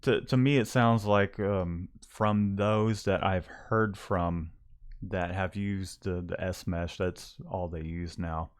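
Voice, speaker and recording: A man with a Southern US accent blending Texas and Louisiana speaks in a low-pitched, smooth voice at a slow pace with a steady tone. He owns a screen printing shop and co-hosts a casual livestream chat, rambling with many restarts and fillers.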